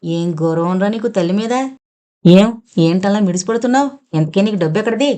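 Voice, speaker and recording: A sharp-tongued older mother-in-law scolds her household, as a woman reading the novel puts her on. She stretches her insulting words out in a berating, taunting manner. The voice sits at a middling pitch. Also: fairly quick, close to an everyday voice. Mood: shrill berating.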